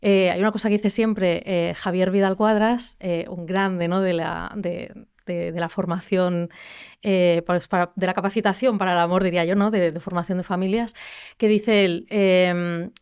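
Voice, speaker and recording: A woman's voice: lowish voice, steady tone, normal speed, darkish tone, smooth. A young woman from Spain in a reflective panel conversation, often restarting her sentences and checking in with "¿no?". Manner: reflective, many restarts and tag questions. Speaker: podcast co-host.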